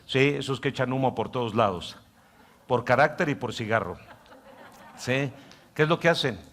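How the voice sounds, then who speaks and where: A male pastor delivers a sermon in a church. He rises to loud, emphatic lines, then drops to soft, muttered asides. In those asides he puts on the mocking voice of a tempting inner voice. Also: medium pitch, lively intonation, normal speed, a little hiss or hum. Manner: acts out the inner voice in quiet mocking tones.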